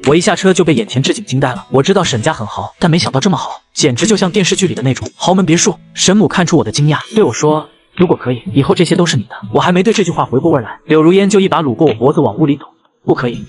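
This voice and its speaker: A man narrates a romantic web novel in a scripted reading. His voice sits somewhat high for a man. He rushes through the lines at a very fast clip. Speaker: story narrator.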